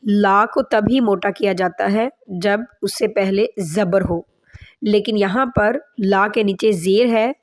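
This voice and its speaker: Slow-paced woman teaching Quran recitation. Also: medium pitch. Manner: patient step-by-step correction; slow drawn-out chanted recitation. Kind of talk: tajweed lesson with recitation.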